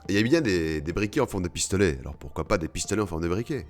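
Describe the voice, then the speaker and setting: A man with an extremely deep voice talks through a horror game in a loose, joking commentary, swearing now and then at his mistakes. Faint game music plays underneath. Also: lively intonation, fast. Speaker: let's play gamer. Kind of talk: casual gameplay commentary.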